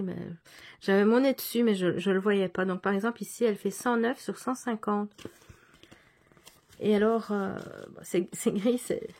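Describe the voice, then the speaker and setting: A woman's voice: mid-range voice, darkish tone. A woman chatting through a casual show-and-tell vlog, hesitant and often restarting her words. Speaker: cross-stitch vlogger.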